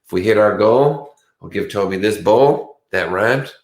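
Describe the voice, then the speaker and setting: Lowish and a little slow, this man's Boston-accented voice comes from the co-host's seat of a true crime stream. Drowsy and casual, he meanders as he chats and keeps restarting his thoughts. The audio has a roomy echo to it.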